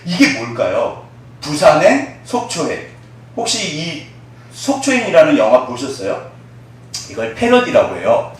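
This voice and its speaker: A man's voice: fairly high pitch, unhurried. A male pastor preaches with a voice that climbs and drops all the time, tossing questions back at the listeners. The sound is very roomy, as if caught from some distance away in a large church. A faint hum sits under it. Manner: lively, conversational preaching with call-and-response questions; acts out quoted voices, dropping to a soft hush. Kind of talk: sermon.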